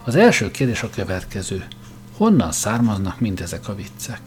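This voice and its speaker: Sex: man. Figure: a man voicing a sharp probing grandmaster. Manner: cutting, questioning. Pitch: fairly low. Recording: faint music. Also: big pitch swings. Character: shrewd probing male grandmaster, dry and cutting.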